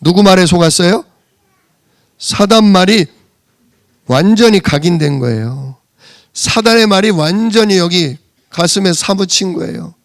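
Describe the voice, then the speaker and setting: A man's voice: high-pitched, expressive, measured pace, pauses often, no echo, studio quality. A male pastor preaching a sermon, asking the congregation questions and answering them himself. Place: church.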